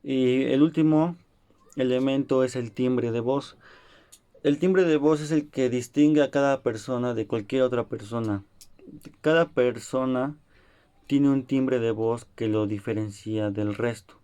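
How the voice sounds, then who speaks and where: A young man presenting to a class in a calm, explanatory way, now and then acting out a quick example. His voice is mellow and smooth, at a middle pitch. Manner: explanatory, acts out short examples. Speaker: student presenter.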